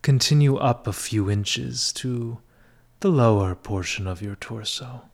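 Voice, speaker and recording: A man leads a guided meditation in a medium-pitched voice, soft, breathy and half-whispered like a spa. His short phrases come calmly and evenly, separated by long pauses.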